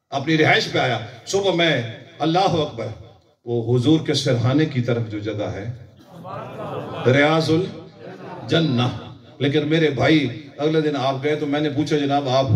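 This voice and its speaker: Folksy preacher in an echoey hall. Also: male voice, medium pitch. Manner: folksy, mixes Punjabi phrases, asks listeners if they understand. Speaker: religious preacher. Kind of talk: sermon with storytelling. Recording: roomy echo, voice from a distance.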